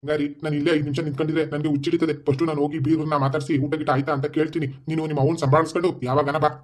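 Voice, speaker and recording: A man voicing a fearful, scheming son-in-law in an animated comedy, pleading in a flat rapid way. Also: fairly high pitch, close to an everyday voice. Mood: harried.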